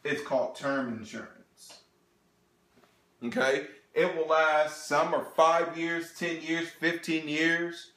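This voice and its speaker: A man in his thirties giving a sales seminar presentation, animated and talking straight to the audience with frequent check-ins. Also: a little high. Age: 30s. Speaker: financial presenter. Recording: echoey room.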